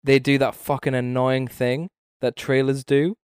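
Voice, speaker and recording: A man chats about games in a loose, rambling way, with frequent swearing and blunt opinions. His voice is smooth and clear, and it sounds dry and close to the mic, at a middle pitch for a man. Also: little pitch movement, measured pace, darkish tone, no echo. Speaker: podcast co-host. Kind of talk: casual gaming chat.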